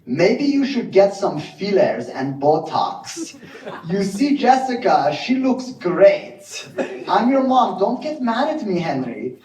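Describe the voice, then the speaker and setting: A man's voice: sits high, sing-song, slow pace, darkish tone, pitched above the performer's own voice, full character voice. A man putting on a fussing Persian-accented mom. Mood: doting scolding. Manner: fussing and scolding, breaking into laughter. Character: doting, nagging middle-aged Iranian mother. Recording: distant, echoey live venue with noise.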